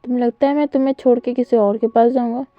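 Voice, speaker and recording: A devoted young husband who stumbles over repeated words as he pleads, played by a woman telling the story. The voice sits fairly high and sounds dull and dry. Faint music plays underneath. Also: steady tone, fast, no room sound, lightly acted. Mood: soothing.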